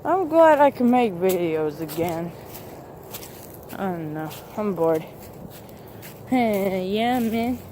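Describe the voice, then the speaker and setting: A man's voice: sits high, lively intonation, slow pace, pauses often, dark tone, a little hiss or hum. A man talking through a gender swap voice filter that makes him sound like a woman, rambling hesitantly in a casual vlog from up in a tree in the woods. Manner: hesitant, rambling, many fillers. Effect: gender swap voice filter making him sound like a woman.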